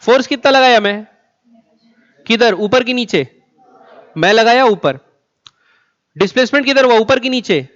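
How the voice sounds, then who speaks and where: In a classroom physics lecture, a high-pitched man fires questions at his students and then answers them himself. His delivery is animated and slightly bright, and he slows way down on important words, repeating them for emphasis. The recording sounds dull and lo-fi.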